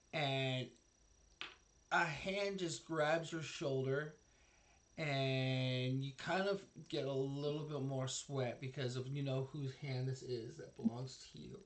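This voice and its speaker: Slow, halting game master man. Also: on the high side, bright, forceful tone, a little hiss or hum. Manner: halting, many fillers. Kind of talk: narrating a tabletop game.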